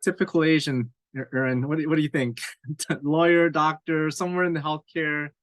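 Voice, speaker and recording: As a guest on a podcast, this Cape Breton Islander in his thirties chats casually about his life, wandering off track, poking fun at himself, and leaning on fillers. His voice is on the high side and a bit bright, with fairly even intonation at normal speed, on a dry, rough recording.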